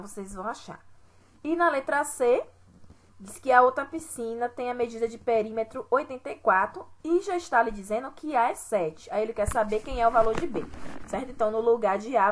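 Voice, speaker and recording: A woman math teacher with a Brazilian accent, walking students through an exercise sheet step by step and often checking in with "right?". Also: a little high. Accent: Brazilian Portuguese. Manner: patient, repeats "certo?" and "né?" to check understanding. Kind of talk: recorded online lesson explaining an exercise sheet.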